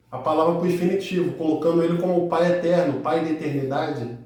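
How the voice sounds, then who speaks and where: A man's voice: high voice, a little mellow, far from the mic. A man giving a religious lesson. He explains step by step, often checks in with the listener, and restarts his phrases. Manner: explains step by step, with frequent "né" tag questions and restarts. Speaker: religious teacher. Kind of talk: explanatory teaching monologue. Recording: very echoey room, voice set back from the mic.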